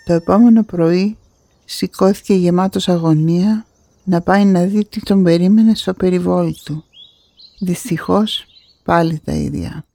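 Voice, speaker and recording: A woman narrating a fairy tale in an expressive storytelling manner. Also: on the low side, creaky, no echo. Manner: expressive, rising on key moments.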